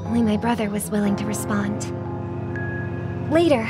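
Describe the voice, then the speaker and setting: An actress voicing a graceful young singer, speaking softly and earnestly in a video game. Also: female voice, medium pitch, normal speed, natural voice. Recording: game audio with music behind.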